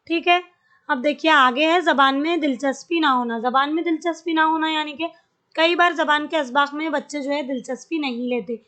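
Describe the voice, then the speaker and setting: A woman's voice: high-pitched, bright, forceful tone. A woman teaching an exam-prep lesson, explaining step by step, repeating key terms and mixing in English words.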